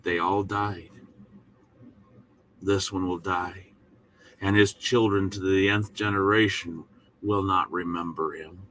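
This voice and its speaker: A man teaching the Bible in a short devotional, speaking in a folksy, emphatic manner with pauses between short phrases. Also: deep voice, steady tone, fairly bright tone, low-quality recording.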